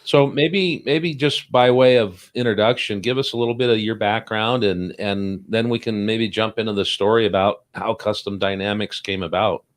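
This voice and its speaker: A man's voice: fairly low pitch, normal speed, hardly any pauses. A man co-hosting a casual interview, chatty and joking, with plenty of fillers and restarts. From Salt Lake City, Utah. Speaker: podcast co-host.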